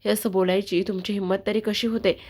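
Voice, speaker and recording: Woman reads indignant old patriarch, gravelly. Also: medium pitch, level tone, brisk, darkish tone, natural voice. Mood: rebuking. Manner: rebuking, indignant. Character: stern elderly family patriarch.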